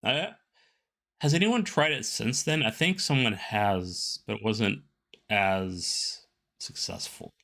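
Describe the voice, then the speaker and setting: A man hosts a relaxed, informal interview, thinking aloud in halting phrases. His voice sits fairly low but has a bright, forward edge. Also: gravelly. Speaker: interviewer, host. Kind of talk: casual conversational interview.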